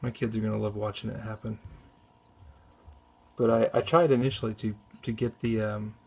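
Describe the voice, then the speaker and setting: A man giving casual off-camera commentary on his home aquarium, talking in a relaxed, halting way with many restarts, recorded on a camera mic in a spare bedroom. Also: lowish voice, vocal fry, breathy edge. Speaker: aquarium hobbyist.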